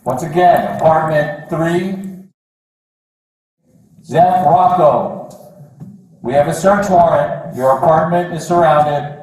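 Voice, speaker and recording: A male police officer slowly calling orders to a suspect to come out and surrender. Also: a little high, a little mellow. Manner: commanding, slow, repetitive orders. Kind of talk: loudspeaker commands to a suspect. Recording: echoey and distant.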